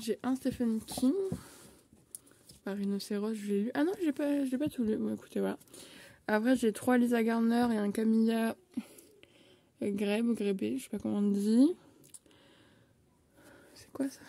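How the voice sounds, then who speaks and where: A woman's voice: medium pitch, warm tone, a little hiss or hum. A young woman casually chatting at home on her phone, filling her sentences with hesitations. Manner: chatty, lots of hesitation fillers. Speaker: vlogger. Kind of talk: casual bookshelf tour.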